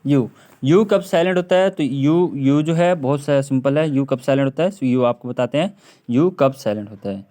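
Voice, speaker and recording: A male English teacher with a warm, mid-range voice gives a classroom lesson on silent letters. He draws out his words, repeats them again and again, and clears his throat often.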